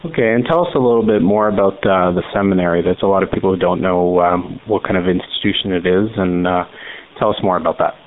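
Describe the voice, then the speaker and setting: A man reporting for a radio program, asking formal, scripted interview questions in a brisk way. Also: sits low. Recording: tinny phone-line sound with faint hiss.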